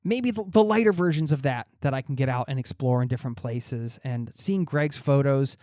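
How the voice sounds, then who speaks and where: A man's voice: mid-range voice, normal speed, mellow, dry recording, studio quality. A male podcast host speaking in an upbeat, friendly way as he introduces and interviews a guest. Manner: upbeat, friendly addresses to listeners.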